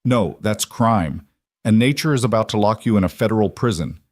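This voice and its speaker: A man voicing a calm, firm federal marshal in a western tale. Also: lowish voice, moderate pace, no room sound, studio quality, lightly acted. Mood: stern. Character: stern, fair-minded federal marshal, grown man.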